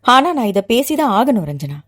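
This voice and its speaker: A woman narrator voicing a composed grown man who speaks in a steady, unhurried, measured way. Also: a little high. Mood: calm. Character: calm, composed grown man asking to be guardian.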